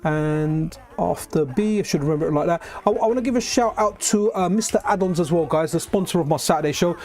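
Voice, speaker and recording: Chatty high-voiced man streaming. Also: fairly quick. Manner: chatty, excitable, frequent restarts and asides to chat. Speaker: retro gaming streamer. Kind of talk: live stream chat.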